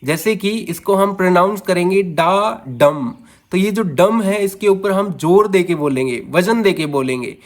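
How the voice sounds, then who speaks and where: High-voiced man teaching slowly. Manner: explains slowly, sounds out words syllable by syllable; keeps addressing viewers as friends. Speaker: English teacher. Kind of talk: classroom-style video lesson.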